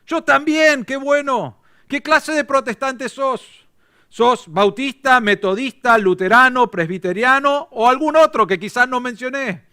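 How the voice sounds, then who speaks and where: A man with an Argentine accent playing an excitable, nosy man who keeps quizzing a stranger. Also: extremely high pitch, unhurried, clean tone, voice pushed up, exaggerated voice. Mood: eager. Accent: Argentine Spanish. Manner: excited, prying questions.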